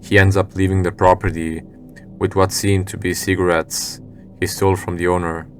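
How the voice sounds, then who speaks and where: A man reading scripted narration for a scary video compilation in a measured, serious storytelling manner. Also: low voice, level tone, faint music behind.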